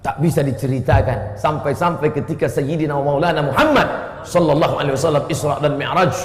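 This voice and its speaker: A man's voice: fairly high pitch, fairly quick. A middle-aged man preaching a sermon, telling funny stories and chanting Arabic verses, with swings in his voice. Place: mosque hall. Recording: echoey hall with reverb.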